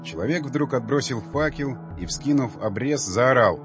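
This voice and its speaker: A man narrating an audiobook with lively storytelling. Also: mid-range voice, moderate pace, music in the background. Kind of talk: scripted narration. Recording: dull lo-fi dry recording.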